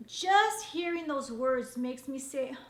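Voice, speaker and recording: A woman's voice: high voice, lively intonation, takes it slowly, echoey room. A middle-aged woman earnestly sharing marriage advice, often speaking straight to the ladies. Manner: earnest, repetitive, addresses ladies directly. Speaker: host. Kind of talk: personal marriage advice talk.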